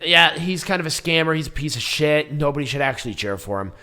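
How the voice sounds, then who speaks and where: A man hosting a casual wrestling review show, hoarse and froggy with squeaky breaks after losing his voice on a night out, blunt and self-mocking. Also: lively intonation, fast, bright, forceful tone. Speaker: wrestling review podcast host. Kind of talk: casual chat and match commentary.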